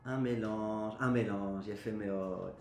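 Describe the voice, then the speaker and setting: A man, a rabbi, giving a lively spoken lesson to a class, often asking his listeners questions and then answering them himself. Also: lowish voice, measured pace. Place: classroom with a live audience. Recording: echoey room, faint background noise.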